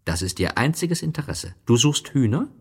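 A man voicing a wise, gentle fox in an audiobook reading, explaining things patiently and with a wistful tone. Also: medium pitch, sing-song, moderate pace, husky, pitched above the performer's own voice, full character voice.

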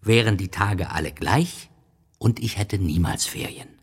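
A man voicing a wise, gentle fox in an audiobook reading, explaining things patiently and with a wistful tone. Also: on the low side, measured pace, breathy edge, pitched above the performer's own voice, full character voice.

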